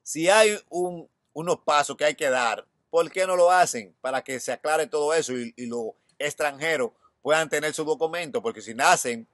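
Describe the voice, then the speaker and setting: A man's voice: a little high, normal speed, few pauses, fairly bright tone, no room sound. Dominican man reading news, dry sound. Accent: Dominican Spanish. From Dominican Republic. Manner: reads headlines, then adds personal opinion. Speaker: news show host. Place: outdoors in front of a hedge.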